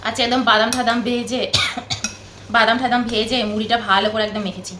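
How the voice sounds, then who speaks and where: A woman's voice: fairly high pitch, fairly even intonation, fairly quick, roomy sound, noisy background. A woman vlogging at home from her bed, chatting casually to the camera, rambling and repeating herself.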